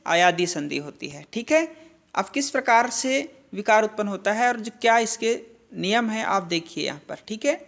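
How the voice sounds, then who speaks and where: A woman gives a grammar lesson at a steady, deliberate pace. She sounds out each piece slowly, poses questions and answers them herself. She often checks in with her students. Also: medium pitch, vocal fry. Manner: asks and answers her own questions, frequent "theek hai" and "hai na" check-ins; slow, deliberate spelling-out of sounds. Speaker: Hindi grammar teacher. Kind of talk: classroom-style grammar lesson.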